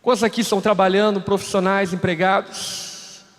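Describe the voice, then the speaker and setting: High-voiced Brazilian preacher in a reverberant hall. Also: male voice, little pitch movement, moderate pace. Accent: Brazilian Portuguese. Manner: storytelling preacher, acts out dialogue. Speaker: pastor. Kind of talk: sermon. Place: large church hall.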